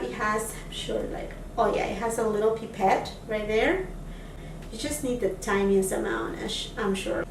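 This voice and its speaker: A beauty vlogger from Peru, her voice fairly high and a bit bright, chats enthusiastically through a makeup try-on with plenty of fillers. Picked up by a camera mic at a distance in a home room, she sounds a bit off-mic in an echoey space, with slight background noise.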